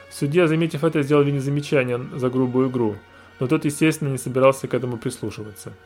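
A man narrating a novel aloud in a calm, measured reading voice. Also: mid-range voice. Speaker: audiobook narrator. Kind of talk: scripted narration.

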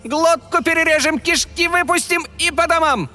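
A man voicing a small, bloodthirsty male fairy with a hoarse, wheezing snarl. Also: very high voice, moderate pace, sharp tone, soft background music, voice pushed up, full character voice. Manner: snarling threats.

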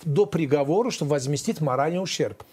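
A man's voice: on the high side, expressive, quick pace, mellow, husky. A man, a former defense lawyer, answering interview questions in an emphatic, rambling, aggrieved way with many restarts.

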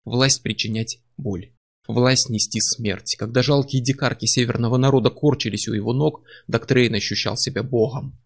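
Мужчина-рассказчик читает мрачную художественную историю. Голос скрипучий, с хрипотцой, манера размеренная и серьёзная. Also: male voice, medium pitch, steady tone, normal speed, vocal fry, slightly rough. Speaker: storyteller. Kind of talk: scripted audiobook narration.

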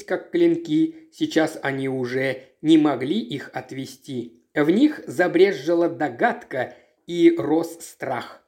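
Audiobook narrator, measured literary reading, very lively intonation. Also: medium pitch.

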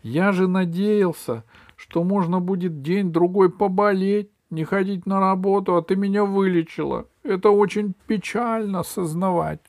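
A man's voice: sits high, fairly even intonation, unhurried, a little mellow, no room sound, voice pushed up. A man reading an audiobook voices a lazy fairy-tale king who whines and complains. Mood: whiny. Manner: whiny, complaining.

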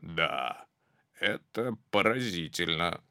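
A storyteller putting on a huge, hungry, gruff forest monster in a slow, booming storybook voice. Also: animated, bright, forceful tone, no room sound, clean studio sound, full character voice. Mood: impressed. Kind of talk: storybook reading.

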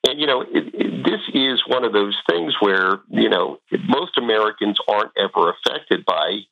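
A man giving halting, explanatory commentary as an expert guest in a radio interview. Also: lowish voice, animated, vocal fry. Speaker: guest expert on immigration law. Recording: muffled, narrow radio audio.

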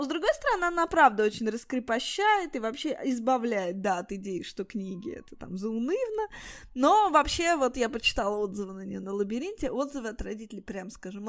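Lively woman co-hosting a book podcast. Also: fairly quick. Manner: animated storytelling, lively pitch swings. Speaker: podcast co-host. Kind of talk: casual chat about children's books.

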